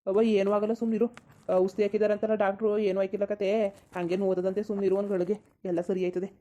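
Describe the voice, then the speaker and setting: A woman voicing a grown daughter who briskly reassures her injured mother in a cartoon. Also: mid-range voice, level tone, mellow, highs cut off, natural voice. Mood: reassuring. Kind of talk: cartoon voice acting.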